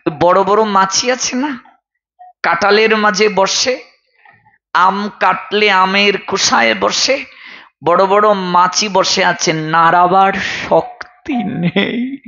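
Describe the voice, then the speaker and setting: A man's voice: high-pitched, slow, vocal fry, pauses often, pushed and bright, lo-fi sound. A young man preaching a devotional sermon, impassioned and emotional, calling listeners mother as he tells a story. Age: young adult.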